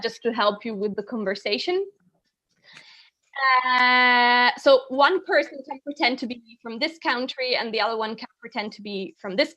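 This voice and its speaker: A woman's voice: fairly high pitch, sharp tone, rough recording. A woman teaching an online English class on a video call, explaining a speaking task in a friendly way with many fillers.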